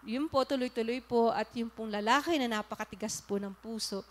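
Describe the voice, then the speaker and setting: A woman pastor from the Philippines preaching with a fairly high voice. She tells her story with animation and turns to the congregation with questions, earnest and polite. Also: brisk. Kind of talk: sermon with storytelling.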